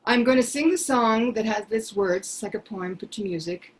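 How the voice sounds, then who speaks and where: An older woman from Peru, a singer, talking earnestly and reflectively from her living room on a video call, pausing often. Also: on the high side, poor audio. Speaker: singer sharing a song. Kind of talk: casual video call chat. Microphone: headset mic on video call.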